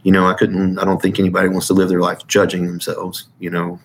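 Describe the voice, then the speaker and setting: A man with a very low-pitched voice talks casually as an interview guest. He is earnest and informal, rambling and repeating phrases as he shares his experience. There is some background noise in the recording. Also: monotone, quick pace. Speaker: interview guest, military veteran. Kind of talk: casual conversational testimony.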